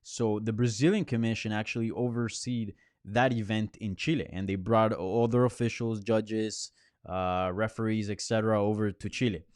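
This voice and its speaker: Here a male host takes questions on a live stream from an apartment near a hospital, speaking conversationally but rambling with many fillers and restarts. His voice is on the low side, slightly mellow, clear and resonant, with fairly even intonation at normal speed, recorded dry at studio quality.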